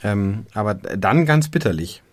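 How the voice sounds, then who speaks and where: A man co-hosting a podcast, telling a personal story in a relaxed, amused way. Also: on the low side, a little slow. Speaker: podcast co-host. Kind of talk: casual chat.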